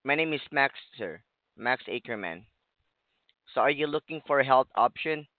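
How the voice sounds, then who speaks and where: A man's voice: lively intonation, normal speed, no echo. Male telemarketer on a tinny phone line. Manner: telemarketer phone pitch, scripted questions. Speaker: health insurance telemarketer. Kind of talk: sales call.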